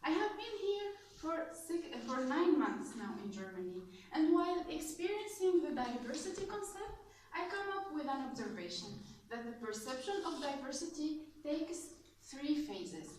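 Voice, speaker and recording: A young woman from Tunisia giving a prepared club speech, animated and laughing often, with fillers and restarts. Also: sits high, normal speed, slight background noise. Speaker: club speaker. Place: meeting room with audience. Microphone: far camera. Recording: echoey room from far off.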